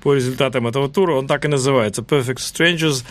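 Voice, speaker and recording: A man's voice: mid-range voice, fast, a little hiss or hum. A man presenting a radio music show in a chatty, hesitant way, with folksy mock-formal touches.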